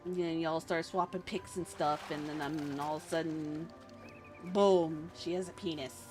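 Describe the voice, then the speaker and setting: A woman's voice: sits low, steady tone, moderate pace, a little mellow. A woman streamer chatting casually over a game, giving frank, informal advice. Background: faint game music.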